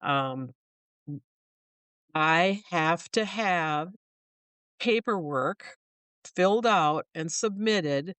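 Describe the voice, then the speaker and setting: Middle-aged woman business owner, lower pitch, talkative, lots of restarts, dry close recording. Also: lively intonation, drawn-out words, long pauses, a bit bright, dry recording. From Minnesota. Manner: chatty, explains with examples, frequent restarts. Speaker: small business owner, guest. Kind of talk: casual interview talk.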